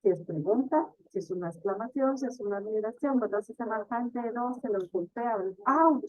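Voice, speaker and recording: A woman teacher giving a classroom lecture, explaining slowly, stretching example words and often asking the class "¿verdad?". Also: mid-range voice, no echo, muffled recording.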